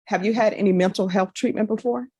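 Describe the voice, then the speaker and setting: A woman serving as a judge, speaking in a measured, procedural way, heard in a courtroom recording. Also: medium pitch, steady tone, mellow, husky, dry recording. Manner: measured, procedural, plainly spoken.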